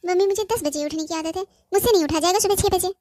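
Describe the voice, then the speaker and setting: A woman's voice: very high voice, steady tone, fairly quick, darkish tone, no room sound. A woman voicing a spoiled young cartoon bride who whines and pleads, repeating "mummy" over and over. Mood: tearful pleading. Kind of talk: cartoon voice acting.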